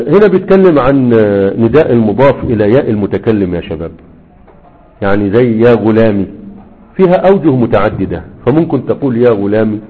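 Man, Egyptian accent, grammar teacher, husky, phone-like audio, prompting questions. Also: on the low side. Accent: Egyptian Arabic. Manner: quizzes listeners with rhetorical questions. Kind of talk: recitation and explanation lesson. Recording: tinny phone-like sound.

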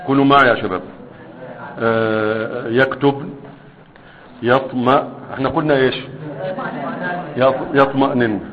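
A man teaching an Arabic grammar lesson to students, with an Egyptian accent, drilling verb forms slowly and checking in with "right?" and "huh?". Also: medium pitch, fairly even intonation, big-room sound, muffled recording, crowd noise.

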